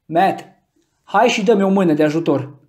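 A man voicing an angry, determined young man who shouts and gives orders, in an audiobook reading. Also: sits high, expressive. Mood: shouting angrily. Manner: shouting, commanding.

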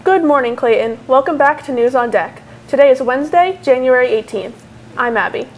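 A woman's voice: high-pitched, animated, a little fast, a little hiss or hum, low-quality recording. A teenage young woman with an American accent reading scripted school announcements as a student news anchor. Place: indoor school studio before a curtain. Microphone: lapel mic.

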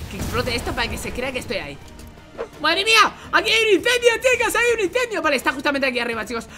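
High-voiced excitable Spanish gamer guy. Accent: Spain Spanish. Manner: excitable, swings from hushed whispers to shouts, repeats words rapidly. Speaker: gaming YouTuber. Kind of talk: excited gameplay commentary. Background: music.

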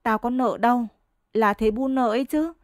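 A woman voicing a lazy, blustering peasant husband who whines and shouts at his wife in a storybook reading. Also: fairly high pitch, brisk, no room sound, clean studio sound, lightly acted.

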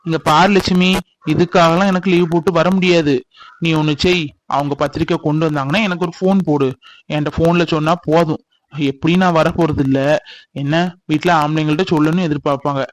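A man's voice: fairly high pitch, steady tone, brisk, natural voice. A man playing a stubborn, bitter middle-aged father in a family drama skit, speaking bluntly. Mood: stern. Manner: blunt, grumbling.

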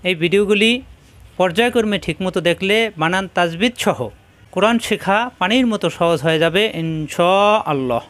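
A man teaching Quran reading in a spoken lesson, patiently repeating each letter sound slowly for practice. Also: sits high, a bit bright. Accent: Bangladeshi Bengali.

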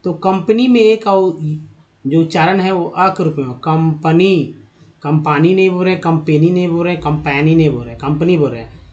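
Man teaching English, slightly high. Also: fairly quick, darkish tone. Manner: addresses viewers as friends, spells out sounds and letters. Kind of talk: casual spoken lesson. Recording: dull lo-fi recording.

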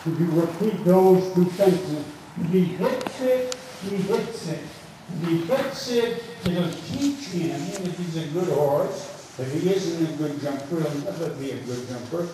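During a show jumping clinic, a male riding coach calls out instructions and critique as short, repeated commands, slow and emphatic yet animated. His fairly high, somewhat mellow voice carries from afar across a very echoey covered arena, caught by a distant camera at the side with noisy background.

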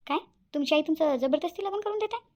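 Cartoon role: a woman voicing a high, fast, exclaiming village daughter-in-law. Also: highs cut off, close to an everyday voice. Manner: exclaiming, gossipy. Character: chatty young village daughter-in-law, fussing. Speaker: cartoon voice actress. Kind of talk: cartoon family drama dubbing.

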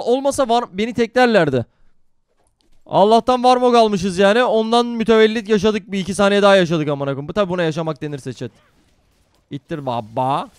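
A man streaming a game live, talking to his chat in a brash, excitable, foul-mouthed way. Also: sits high, clear, resonant tone, no room sound, studio quality. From Turkey. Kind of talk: live gaming stream commentary.

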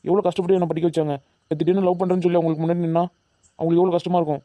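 A man's voice: high-pitched, level tone, very fast, dark tone, no room sound, close to an everyday voice. A man voicing a worried, earnest young college student in a cartoon, reassuring and pleading with his friends. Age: young adult. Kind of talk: animated cartoon dubbing.

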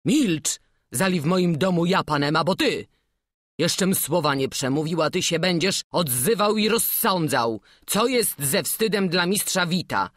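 A woman's voice: low-pitched, expressive, moderate pace, a bit bright, dry recording, studio quality. A woman reading an audiobook, voicing a stern, fatherly old master woodcarver with commanding, archaic speech. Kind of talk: audiobook character voice.

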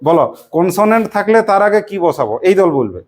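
Talking fast with big swings in her mid-range, slightly mellow voice, a woman with a West Bengal Bengali accent teaches primary school English. She runs call-and-response drills, patiently asking questions again and prompting her pupils to respond.

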